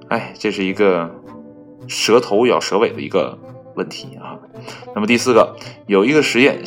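A man casually reading an article aloud. He adds chatty asides, leans on filler particles between phrases, and trips over foreign names and corrects himself out loud. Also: sits low. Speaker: reader of an online article.

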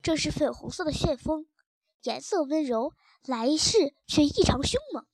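A woman narrating a children's story in the first person, as a cat, with a lively, expressive reading. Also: high voice, a little slow, dry recording.

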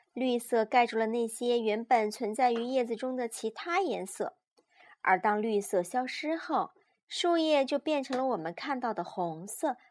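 A young mother reading a picture book aloud to her child at bedtime, patient and animated. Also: fairly high pitch. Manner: gentle, patient, animated storyteller.

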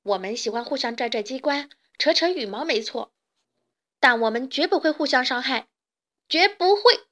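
A woman voicing a defiant, righteous rooster in a children's audiobook, shouting indignantly. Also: high-pitched, lively intonation, moderate pace.

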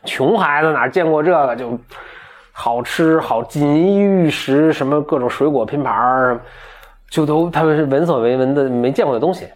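A man's voice: medium pitch, fairly quick. Guy w telling an old folk story, super casual, lots of ums, mid voice. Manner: relaxed, chatty, many fillers and restarts. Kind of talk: casual folktale retelling.

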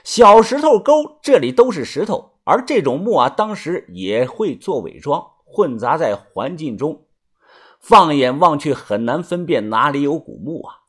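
Lively, chatty male storyteller. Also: on the high side, husky. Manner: chatty, with drawn-out particles. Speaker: audiobook narrator. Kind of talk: storytelling narration.

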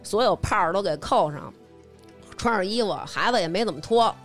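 A woman with a broad Beijing accent, full of erhua, races through a personal story in relaxed conversation. Her pitch sits in the middle range. She repeats phrases and slips into other people's voices as she talks. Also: a little fast, faint music behind. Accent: Beijing Mandarin. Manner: animated, repeats herself, acts out voices. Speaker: guest telling a personal story. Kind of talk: casual storytelling chat.

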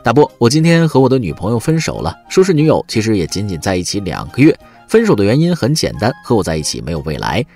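Male podcast host with comedic news commentary, pitch swinging wildly, wry and teasing, faint music behind. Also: huge pitch swings, fast, hardly any pauses, darkish tone, husky.

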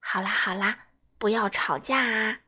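A woman's voice: mid-range voice, a little slow, sharp tone, breathy edge, pitched below the performer's own voice. A woman voicing a big, loving father T. rex in a storybook. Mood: tender. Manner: soothing, fond.

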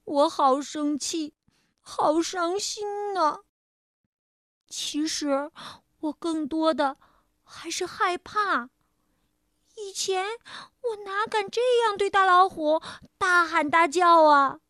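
A woman storyteller and radio host, reading a children's picture book in a playful, expressive first-person voice. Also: very high-pitched, takes it slowly, no echo, clean studio sound.

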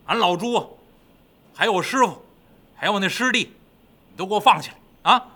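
A man voicing a greedy, chatty male pig monk who rambles and coaxes loudly in a storytelling performance. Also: high-pitched, a little fast. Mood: coaxing. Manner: rambling, coaxing, loud.

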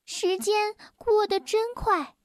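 Slow, gentle woman reading a storybook. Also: extremely high pitch, steady tone, no room sound, clean studio sound. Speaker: children's story reader. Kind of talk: reading a children's story aloud.

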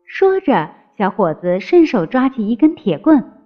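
A woman narrating a fairy tale in an expressive storytelling manner. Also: fairly high pitch, measured pace. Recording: slightly dull with faint music.

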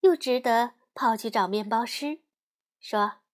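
A woman storyteller host narrating a fairy tale as a gentle bedtime story for children. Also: a little high, slow. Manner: gentle, addresses child listener.

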